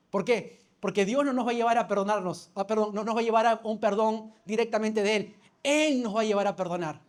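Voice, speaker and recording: A man, a pastor preaching a sermon. He tells a personal story, calls for amens and often restarts his phrases. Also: very high-pitched. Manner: storytelling, calls for amen, self-correcting restarts.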